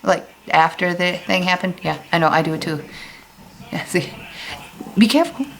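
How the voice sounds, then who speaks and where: A woman's voice: on the low side, level tone, normal speed, creaky, fairly bright tone, poor audio. A woman teacher reading a chapter aloud to her pupils and explaining it in a casual, chatty way. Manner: casual, chatty asides to students.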